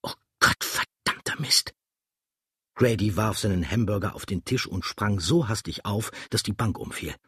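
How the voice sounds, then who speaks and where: A man's voice: fairly low pitch, moderate pace, hardly any pauses, slightly rough, dry recording, studio quality. A man narrating an audiobook with a dramatic, vivid reading style. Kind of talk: scripted narration.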